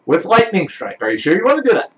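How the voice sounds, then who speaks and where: Animated high-voiced game master, a man. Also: fast, muffled recording. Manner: animated, laughing, lively pitch swings. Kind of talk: narrating a tabletop game.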